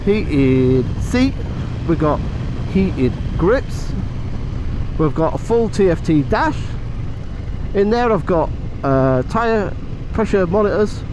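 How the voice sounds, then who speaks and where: A man's voice: high voice, expressive, slow, pauses often. A man giving chatty motovlog commentary while riding, thinking aloud and asking rhetorical questions, with wind on the mic. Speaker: motorcycle reviewer. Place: outdoors, riding a motorcycle on the road. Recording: loud wind and engine noise on mic.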